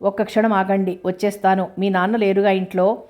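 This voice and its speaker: A sharp-tongued young woman who answers bluntly and keeps her words short, voiced by a woman narrator. Her delivery stays flat and controlled. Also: medium pitch, brisk, close to an everyday voice. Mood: guarded. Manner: direct, curt.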